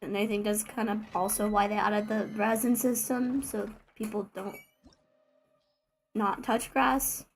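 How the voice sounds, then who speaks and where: A woman's voice: medium pitch, level tone, moderate pace, few pauses, darkish tone, a little hiss or hum. A woman streaming a game live, chatting casually in a rambling, self-mocking, joking way. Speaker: VTuber streamer. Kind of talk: casual live gaming chat.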